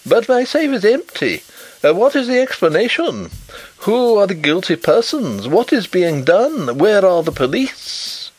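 A man voicing a pompous, irate elderly professor who booms his indignant demands. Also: very animated, measured pace, no room sound, faint music behind, exaggerated voice, poor audio. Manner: booming, indignant.

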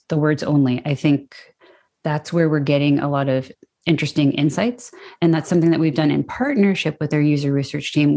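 A woman with a low voice talks through her work as a podcast guest. She sounds upbeat and enthusiastic, and she rambles a little with frequent restarts. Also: warm tone. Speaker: content strategy guest. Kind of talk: conversational interview answers.

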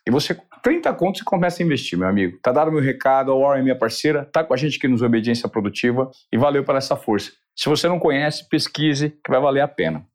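A man's voice: medium pitch, lively intonation, quick pace, few pauses. A Brazilian man hosting an interview, talking in an enthusiastic, emphatic way. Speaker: interview host. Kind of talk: talk show interview with a sponsor read.

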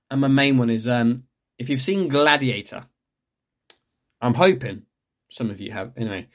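A young man hosting a podcast, chatting casually and reading local news with lots of fillers and restarts. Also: medium pitch. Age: young adult. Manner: rambling, chatty, self-correcting with many fillers. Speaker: podcast host.

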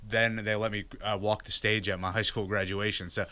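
A man's voice: lowish voice, level tone, fairly quick, bright, forceful tone. A man in his thirties from Virginia, a guest in a casual interview, speaking candidly with many fillers and restarts. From Virginia, United States.

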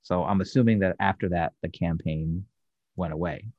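A man co-hosting a podcast in casual chat, reporting his research in a halting way and correcting himself as he goes. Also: low-pitched, fairly even intonation, slightly rough, no room sound. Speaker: podcast co-host. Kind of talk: casual chat about a TV episode. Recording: dull lo-fi dry sound.

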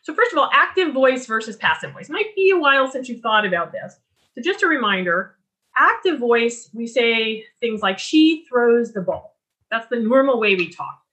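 A woman giving a recorded lecture on writing, explaining clearly and restarting her sentences as she talks. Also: fairly high pitch, expressive, moderate pace, bright, forceful tone. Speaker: writing instructor.

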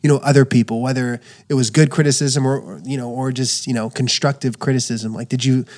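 Brief: male podcast host, mid-pitched voice, friendly but meandering questions. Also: steady tone, a little fast, a little mellow. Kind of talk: casual interview.

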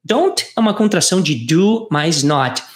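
Animated teacher, roomy echo. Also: mid-range voice. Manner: slow, drawn-out English phrases for repetition. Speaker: English teacher. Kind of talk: online language lesson.

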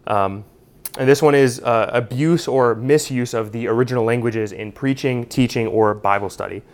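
A man's voice: medium pitch, normal speed. A man teaching a Bible study class in a conversational way, with lots of "you know" and "uh". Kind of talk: unscripted teaching talk.

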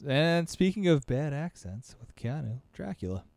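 A man chatting casually about movies, lively and swearing freely, often trailing off and restarting. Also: on the high side, moderate pace, creaky, dry recording.

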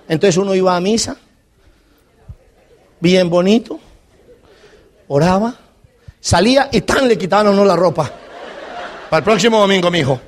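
A man's voice: high-pitched, a little hiss or hum. A Colombian man speaking as a motivational speaker, telling humorous life stories to a live audience and asking them questions. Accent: Colombian Spanish. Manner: animated, asks the audience questions and jokes. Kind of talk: live storytelling talk to an audience.

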